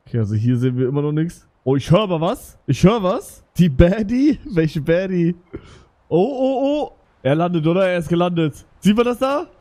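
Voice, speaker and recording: A young man live streaming, talking casually in German youth slang, swinging from loud excited shouts to low mutters.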